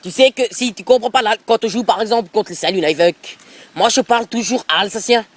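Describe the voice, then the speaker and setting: A man's voice, sitting high and brisk, plays a pushy middle-aged football coach with an Alsatian accent for a prank call. He rambles, repeats filler tags, and speaks into a phone held close to his mouth.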